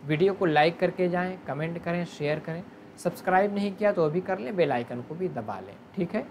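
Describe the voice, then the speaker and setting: Woman teacher, lowish voice, patient step-by-step explaining, faint background noise. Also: fairly quick, a little mellow. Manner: explaining step by step, asking and answering her own questions. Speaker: Arabic teacher. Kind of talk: online grammar lesson.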